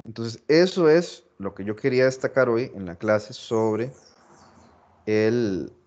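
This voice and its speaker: A man teaching a philology class, explaining slowly, repeating phrases and stressing example words. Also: medium pitch, darkish tone, highs cut off. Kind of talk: recorded class lecture.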